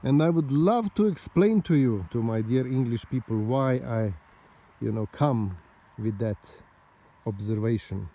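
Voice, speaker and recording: Guy vlogging outside, slow talker, kinda indignant, rambly. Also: mid-range voice, warm tone. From Slovenia. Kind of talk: casual monologue to camera. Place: outdoors overlooking a mountain valley road.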